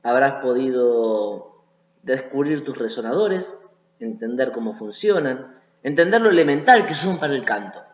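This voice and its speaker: A man's voice: mid-range voice, animated, measured pace. A man with a Rioplatense Spanish accent teaching a voice lesson, explaining step by step and often checking in with the listener. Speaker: singing teacher. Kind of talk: online voice lesson. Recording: echoey lo-fi room recording.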